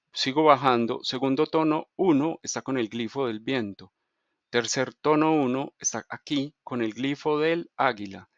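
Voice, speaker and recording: A middle-aged man explains a lesson at an even, unhurried pace, drawing on a board as he talks. He keeps checking in with his listeners. The sound is dry and a little dull. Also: mid-range voice, no echo. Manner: measured, checks in with frequent rhetorical questions. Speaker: teacher of Mayan calendar.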